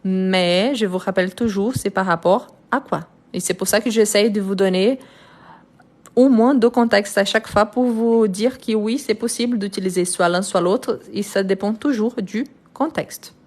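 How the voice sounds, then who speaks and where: A woman with French and Brazilian roots teaching French grammar in a live online lesson, speaking slowly and deliberately with frequent fillers and restarts. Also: medium pitch, darkish tone. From France and Brazil. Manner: slow, deliberate, explanatory with many fillers.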